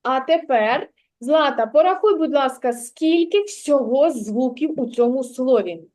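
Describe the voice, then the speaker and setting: Kindergarten teacher, woman, Ukrainian accent, high and slow, patient lesson delivery. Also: lively intonation, darkish tone. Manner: drawn-out, sing-song word modelling for a child.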